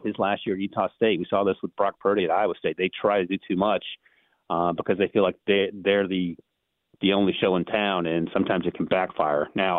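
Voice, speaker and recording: A man calling in as a draft analyst on a sports radio show, talking fast and rambling, often repeating words as he restarts sentences. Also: on the low side, no echo. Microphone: phone call. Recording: tinny phone line.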